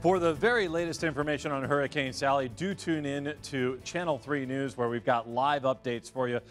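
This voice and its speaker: A man with an American accent presenting a live broadcast weather forecast in a measured, informative way. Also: mid-range voice, faint music behind.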